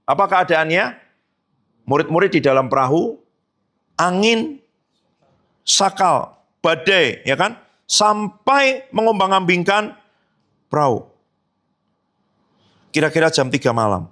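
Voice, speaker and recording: Male pastor, high lively voice, sermon with playful asides. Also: slow pace, pauses often. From Indonesia. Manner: animated preaching with sudden high emphatic jumps and rhetorical questions; casual joking asides.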